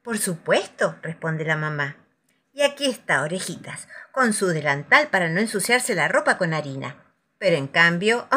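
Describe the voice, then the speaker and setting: A woman reading children's stories aloud, her voice moving freely up and down in pitch. The narration is expressive and animated, pitched in a middle register. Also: husky. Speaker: storyteller.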